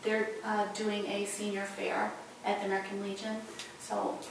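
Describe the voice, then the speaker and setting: A woman giving a program report at a board meeting, with many pauses and fillers. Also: medium pitch, monotone, vocal fry. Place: meeting room. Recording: distant mic in echoey room, noisy.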